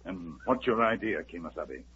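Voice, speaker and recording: Tonto, quiet clipped sidekick, husky low voice, muffled old radio. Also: male voice, animated, a little fast, slight background noise. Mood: grave. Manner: clipped, few words, speaks softly. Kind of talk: 1950s radio drama.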